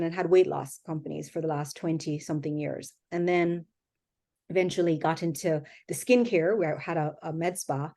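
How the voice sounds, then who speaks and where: A woman's voice: fairly low pitch, darkish tone. A middle-aged woman from Jamaica with a Jamaican accent, chatting easily as a guest in an interview, often laughing. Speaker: guest, company founder. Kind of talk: casual interview talk.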